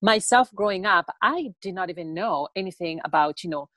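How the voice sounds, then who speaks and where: A woman's voice: on the low side, animated, fairly quick, fairly bright tone, no room sound. A young woman from Tanzania, a guest in a casual interview, who talks in a rambling way with many fillers.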